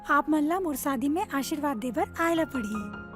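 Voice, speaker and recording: A cheerful bride-to-be. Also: female voice, sits high, animated, moderate pace. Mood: friendly. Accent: Chhattisgarhi. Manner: friendly, coaxing. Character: cheerful young bride-to-be, friendly. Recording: film audio under background music.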